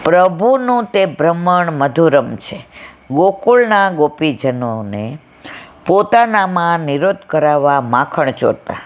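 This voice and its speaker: A woman's voice: deep voice, big pitch swings, takes it slowly. Older woman giving a devotional talk. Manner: storytelling, acting out family anecdotes. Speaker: devotional speaker. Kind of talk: devotional satsang discourse.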